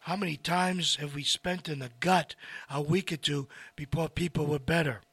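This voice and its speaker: A man hosting a casual health talk, rambling and speaking straight to his viewers with lively asides. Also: a little high, normal speed, gravelly, husky, dry recording. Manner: rambling, addresses folks directly, animated asides. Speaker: host.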